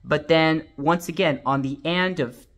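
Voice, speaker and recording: A man's voice: fairly high pitch, measured pace, fairly bright tone. Patient man teaching drum rhythms. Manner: patient, counts and sings rhythms aloud. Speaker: drumline instructor. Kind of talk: explaining sheet music step by step.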